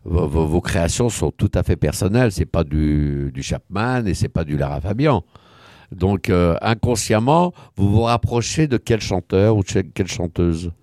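A man with a low but very lively voice asks a guest questions, repeating words as he searches for the phrase. He is recorded dry and close. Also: normal speed, dry recording. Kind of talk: radio interview.

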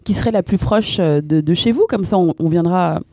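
Hesitant French singer, mellow and dry. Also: female voice, on the low side, brisk, no echo. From France. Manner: hesitant, many fillers and restarts. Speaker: singer guest. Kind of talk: radio interview answers.

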